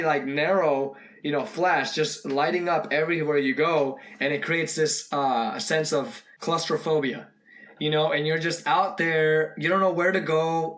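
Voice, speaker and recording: Higher-voiced man rambling casually. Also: fairly bright tone. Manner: rambling, lots of fillers and restarts. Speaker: video reactor. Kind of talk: casual reaction commentary.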